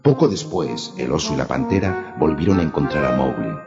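A man narrating a children's story in an expressive, lively way. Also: rumbling low, a little fast. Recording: echoey, dull, music behind.

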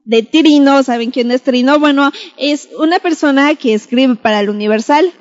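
Mexican woman presenter, high-pitched, animated storyteller reviewing books; muffled lo-fi sound. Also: moderate pace. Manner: playful, animated, acts out scenes. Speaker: book reviewer on a broadcast segment. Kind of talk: lively book review with storytelling. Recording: dull lo-fi recording.

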